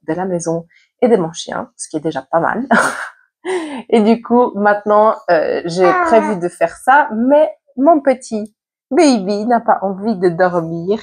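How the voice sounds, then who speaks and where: Speaking into an external microphone attached to her camera, a vlogging mother at home shares a personal story candidly and chattily, full of hesitation fillers, while congested from a head cold. She has a mid-range, darkish, slightly rough voice.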